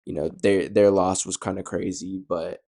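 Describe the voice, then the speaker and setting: A man's voice: low-pitched, flat delivery, moderate pace, vocal fry, mellow. A young man co-hosting a podcast in a laid-back, agreeable casual chat. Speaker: podcast co-host.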